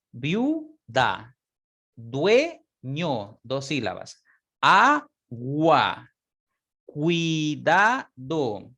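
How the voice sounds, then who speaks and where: Slow, patient male teacher. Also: on the high side, a bit bright. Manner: patient, repeats example words slowly and checks understanding. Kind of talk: online class lecture.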